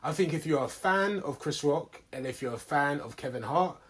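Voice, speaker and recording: A man's voice: on the high side, lively intonation, moderate pace, fairly bright tone, slightly rough. London roadman man chatting casually. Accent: London, urban roadman slang. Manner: slangy, with bruv and man dem. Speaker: podcast co-host reviewing films. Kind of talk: casual review chat.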